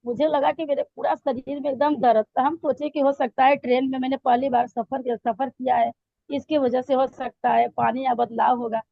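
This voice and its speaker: A church member with a hoarse throat gives spoken testimony to her pastor, her high, gravelly voice moving in hesitant phrases packed with fillers and restarts. Her intonation stays fairly even. The audio is dull and lo-fi like a phone call, with no room echo.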